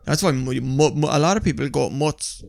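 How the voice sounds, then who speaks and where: A man's voice: a little high, normal speed, vocal fry. A man co-hosting a podcast, telling stories in casual chat and swearing freely as he mimics noises. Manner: animated storyteller who swears a lot and imitates noises. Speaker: podcast co-host.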